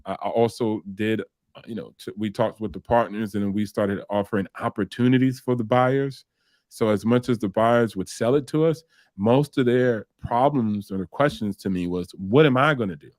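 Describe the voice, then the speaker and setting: A man with a fairly low voice, talking casually as an interview guest. He tells his stories with energy, slipping into the voices of the people he quotes. The sound is dry and close. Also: moderate pace, dry recording. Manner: animated storytelling, acts out quoted voices with laughs. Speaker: interview guest, combat veteran in real estate.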